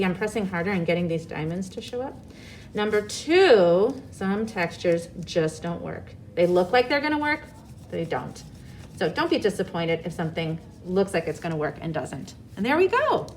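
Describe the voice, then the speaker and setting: A woman art teacher giving young children a craft lesson in a bright, upbeat kids' presenter manner, explaining step by step and checking in with simple questions. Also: mid-range voice, slight background noise. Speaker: elementary school art teacher. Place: indoors in school stairwell and hallway.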